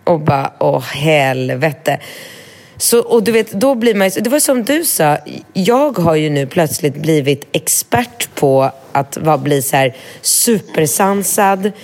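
A woman and mother of three telling a story in casual chat, lively, swearing and acting out what people said. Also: deep voice. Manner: lively storyteller, swears, acts out quoted voices. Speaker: mother of three small children.

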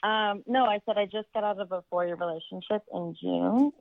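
A woman's voice: mid-range voice, fairly quick, creaky, noisy background. Woman caller over a muffled phone line. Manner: hesitant, full of fillers. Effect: heard over the phone. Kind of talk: casual chat.

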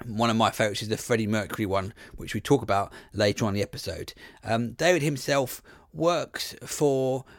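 A man's voice: lowish voice, a little fast, few pauses, no room sound, clean studio sound. A British man introducing a podcast as its host in an informal, self-deprecating, jokey way.

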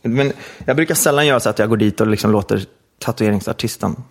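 A middle-aged man, a musician guest, chatting casually in an interview with lots of fillers and rambling asides. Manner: rambling, many fillers, animated pitch jumps.

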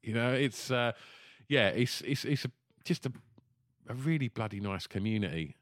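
A man's voice: mid-range voice, animated, normal speed, dry recording, studio quality. A man, chatting as a podcast guest over a video call. He rambles, swears freely and laughs through his stories. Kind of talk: casual chat. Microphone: remote video call.

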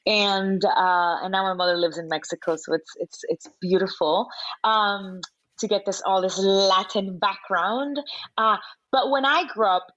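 A woman in her forties from Venezuela, a chef chatting as an interview guest, animated and laughing often, with lots of fillers. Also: mid-range voice, a little slow, no echo, highs cut off. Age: 40s. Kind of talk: casual interview chat.

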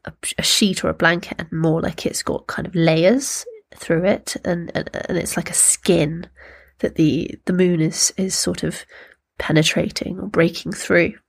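Slow-paced, thoughtful woman in a lower register. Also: fairly even intonation, creaky, breathy edge. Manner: gentle, unhurried, thoughtful, pausing to find words. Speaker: poetry workshop host. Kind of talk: reflective talk with slow poetry readings.

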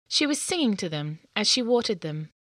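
A woman narrating a children's story in an expressive, lilting read-aloud manner. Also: mid-range voice, moderate pace, dry recording, clean studio sound.

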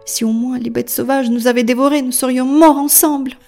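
A woman plays a small girl, frightened but brave. She calls out in high, pleading cries with a husky edge. Faint music plays behind her. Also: animated, moderate pace, warm tone, natural voice.

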